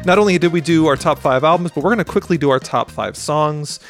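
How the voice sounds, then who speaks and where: A man's voice: on the high side, fast talker. A man hosting a music podcast in casual, enthusiastic chat, often rephrasing himself.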